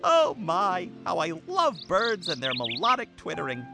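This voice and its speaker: A man voicing an excitable male dog who hosts a bird show, hammy and quick to lose his temper. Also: high voice, gravelly, soft background music, heavily acted. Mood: cheery. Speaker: show host. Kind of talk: cartoon voice acting.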